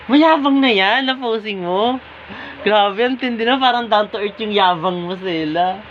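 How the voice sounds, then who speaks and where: A man's voice: high-pitched, measured pace, fairly bright tone. A man filming a casual home vlog, asking playful, teasing questions. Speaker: vlogger. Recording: dull home video sound, faint hiss.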